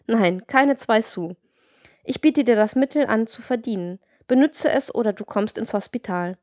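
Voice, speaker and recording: A woman's voice: on the high side, moderate pace, a little mellow, no echo, lightly acted. A woman voicing a scheming, greedy procuress with a boastful, coaxing manner in an audiobook reading. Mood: cold.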